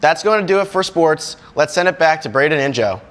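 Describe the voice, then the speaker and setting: A man's voice: on the high side, animated, fairly quick, music in the background. A young man reading a sports segment in an upbeat, chatty way. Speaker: sports reporter.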